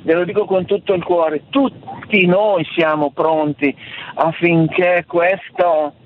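A man in his seventies calling in to a radio show over the phone, speaking earnestly and repeating key phrases slowly. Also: high-pitched, steady tone. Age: 70s. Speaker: radio call-in listener. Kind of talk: impassioned phone-in comment. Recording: tinny phone line with faint noise.

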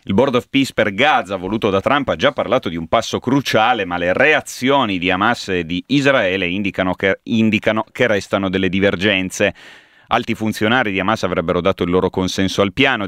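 Male radio news announcer, low and measured, dry studio mic. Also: no room sound. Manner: steady, measured newsreading. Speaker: newsreader.

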